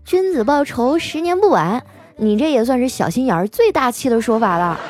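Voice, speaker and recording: A woman's voice: high voice, very animated, normal speed, a little mellow, faint music behind, pitched above the performer's own voice. Woman doing a sassy young office girl. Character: cheeky young woman coworker, unbothered.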